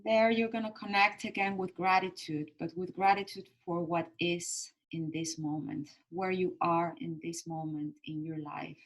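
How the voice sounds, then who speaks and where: A woman leading a calm grounding meditation as a guide, speaking gently and soothingly in short phrases with pauses between them. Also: fairly low pitch, poor audio.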